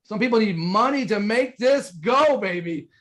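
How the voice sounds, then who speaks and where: A man's voice: high-pitched, expressive, moderate pace, a bit bright. A man hosting a casual interview, enthusiastic and hyped, tossing in "baby" and "my man". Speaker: host.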